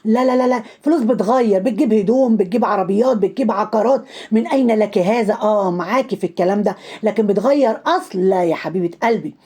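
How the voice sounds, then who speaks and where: A woman's voice: medium pitch, quick pace, mellow, husky. A woman with an Egyptian accent hosting a commentary channel, scolding and mocking other creators while calling her viewers dears. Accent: Egyptian Arabic.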